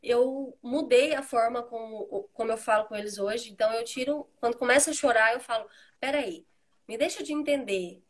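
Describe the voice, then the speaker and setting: A woman with a Brazilian accent tells a story in casual conversation, her voice sitting a bit high. She acts out the things she says to her children as she goes. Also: brisk, hardly any pauses. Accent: Brazilian Portuguese. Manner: animated, acts out quoted dialogue with her children. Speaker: host, mother.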